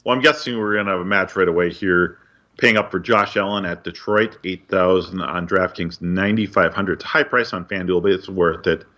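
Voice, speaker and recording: A man's voice: sits low, steady tone, fairly quick, pushed and bright. A man co-hosting a sports podcast, reading news and chatting casually with a dry, wry delivery. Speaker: podcast co-host. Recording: dull lo-fi sound.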